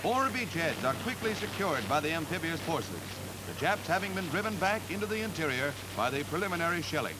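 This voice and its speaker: A man narrating war footage in brisk, emphatic 1940s newsreel style, with old newsreel sound. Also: on the high side, big pitch swings, very noisy. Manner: brisk, emphatic announcer delivery. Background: loud music.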